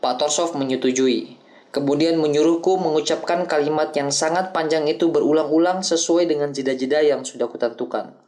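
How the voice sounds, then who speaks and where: Man narrating an audiobook, fairly high voice. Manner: steady, measured reading. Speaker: audiobook reader. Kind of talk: first-person audiobook narration.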